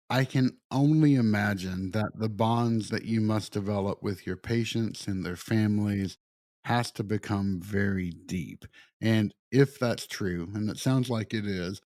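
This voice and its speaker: A man hosting a podcast interview, asking long, reflective questions in measured, formal wording. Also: fairly low pitch, a little mellow, no echo, clean studio sound. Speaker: podcast host.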